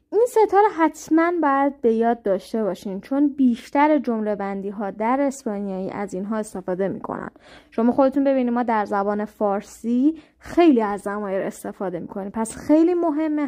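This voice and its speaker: A woman giving a step-by-step language lesson, saying new words slowly and carefully. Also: a little high, darkish tone. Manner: slow, careful spelling-out of words. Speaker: language teacher. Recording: muffled lo-fi audio.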